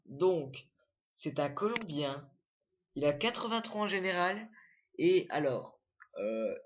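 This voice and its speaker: Young man, casual screen-recording commentary, halting with fillers, slightly high voice, muffled lo-fi sound. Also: a bit bright. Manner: hesitant, many fillers and self-corrections. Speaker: gaming video creator.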